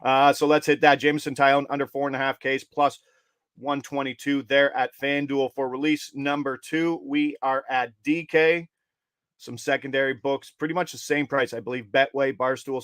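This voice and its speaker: A man hosting a live sports betting show, reading picks in quick, energetic, upbeat patter. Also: medium pitch, clear, resonant tone, no echo.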